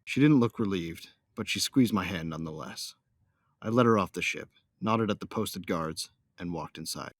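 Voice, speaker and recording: In a science fiction audio drama, a man narrates his own story as a young starship captain, newly married, the loyal son of smugglers and a devoted husband. His deep, expressive voice moves at a moderate pace with an earnest, tender mood. The recording is dry, with clean studio sound.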